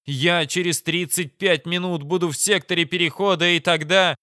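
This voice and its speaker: A desperate male admiral pushing hard for reinforcements, put on by an audiobook reader. The voice sits fairly high and rings clear and tense. Recorded close and dry. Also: steady tone, moderate pace, bright, forceful tone, no echo. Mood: pleading urgently. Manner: urgent, raised commanding voice. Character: male fleet commander, shouting and pleading.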